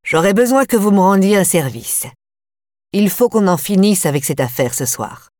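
A woman's voice: mid-range voice, sing-song, moderate pace, dark tone, dry recording, clean studio sound, lightly acted. A woman voicing Charlie, a scheming, menacing male killer who talks in a sneering, cold way. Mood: falsely cheerful.

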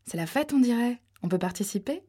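Ditzy chatterbox agent read by a woman, higher and bubbly, breathy. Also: animated, a little fast, dark tone. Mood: flirty. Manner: babbling, flirtatious.

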